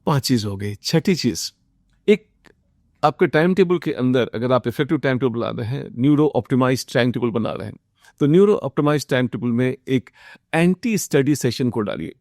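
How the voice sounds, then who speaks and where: An Indian man teaching exam students, mixing English phrases into Hindi with frequent filler pauses. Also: mid-range voice, lively intonation, a little mellow, dry recording, studio quality. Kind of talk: motivational study lecture.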